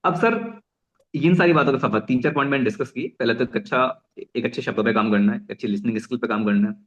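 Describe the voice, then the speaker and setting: A young man giving an energetic network marketing talk, often restarting phrases and mixing in English. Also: medium pitch, quick pace, dull audio. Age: young adult. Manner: mixes English phrases into Hindi. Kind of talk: motivational business talk.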